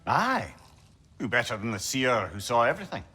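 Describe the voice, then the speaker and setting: Animated old sage, very reverberant. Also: male voice, medium pitch, normal speed, slightly rough, soft background music, full character voice. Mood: knowing. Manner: wordy, formal, erudite. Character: wry, learned old sage, kindly counsellor. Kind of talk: video game drama acting. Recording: long reverberant tail on the voice.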